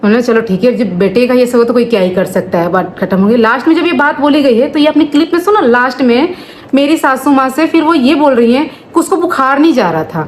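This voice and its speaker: Brief: woman vlogger in her 30s, fairly high voice, talks straight to camera, explains a family dispute point by point, faint hiss behind. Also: quick pace. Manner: explaining and complaining, many asides. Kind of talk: casual talking-to-camera vlog.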